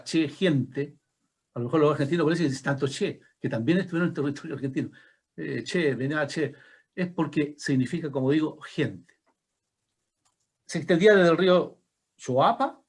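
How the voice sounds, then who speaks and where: A man in his seventies with a Chilean accent, a retired teacher giving an informal lecture over a video call, halting, with frequent restarts and asides. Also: fairly high pitch, breathy edge. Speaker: retired teacher presenting a talk.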